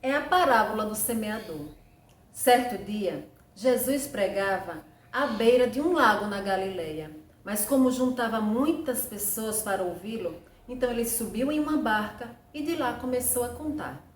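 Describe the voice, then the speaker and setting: Female storyteller, kindergarten teacher manner, highish voice, roomy echo. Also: expressive. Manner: kindergarten teacher voice, simple deliberate phrasing for small children. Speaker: children's storyteller. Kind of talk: children's Bible story narration with sung refrains. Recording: roomy echo, distant mic, faint noise.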